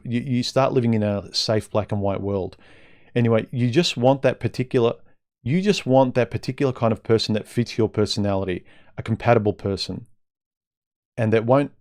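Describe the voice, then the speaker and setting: On a livestream, a man with a fairly low, darkish voice gives off-the-cuff dating advice in an opinionated monologue to his live chat. His words come out slightly muffled and impeded, almost as if he had a mouthguard in. Blunt and conversational, he speaks straight to his viewers and leans on rhetorical questions.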